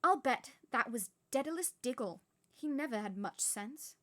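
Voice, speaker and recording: A prim, irritable middle-aged professor, played by a woman reading aloud snaps out her words in a clipped way. Her voice sits fairly high and has a loud, sharp edge. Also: animated, moderate pace. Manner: clipped and impatient.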